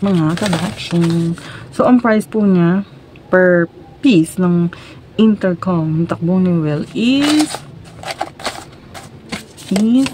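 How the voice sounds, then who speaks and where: A Filipino woman with a fairly low-pitched voice chats informally with viewers during a relaxed unboxing and product demo vlog. Background noise can be heard.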